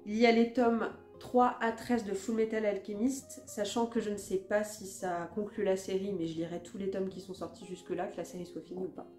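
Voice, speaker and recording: A woman chatting casually as a book vlogger about her reading list, talking in a relaxed, self-mocking way with plenty of fillers. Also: medium pitch, brisk, few pauses, roomy sound, soft background music.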